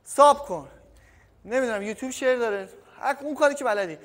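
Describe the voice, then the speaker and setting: A man from Iran with a cold, giving a casual, energetic boxing training tutorial to viewers he calls kids, recorded in a gym without a microphone. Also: very high voice. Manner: energetic, addresses viewers as kids, trails off quietly. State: has a cold. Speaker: boxing coach. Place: gym by a punching bag. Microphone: no microphone, camera audio. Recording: long echoey gym reverb.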